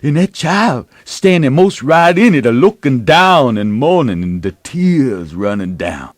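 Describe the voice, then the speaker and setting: A remorseful father pours out his grief, as a man reads him aloud in a drawling folksy dialect, his voice sinking low and then breaking out loud. The delivery rises and falls widely, and the sound is close and dry. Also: very animated, unhurried, no room sound. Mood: mournful. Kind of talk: dramatic reading of a novel.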